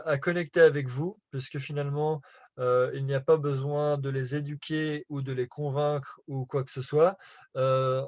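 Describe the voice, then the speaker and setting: A man's voice: mid-range voice, no room sound. Hesitant man teaching, dry close sound. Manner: hesitant, many fillers and restarts, self-correcting; apologetic about his French, laughs at himself. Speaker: business coach presenting slides. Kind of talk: live online lesson.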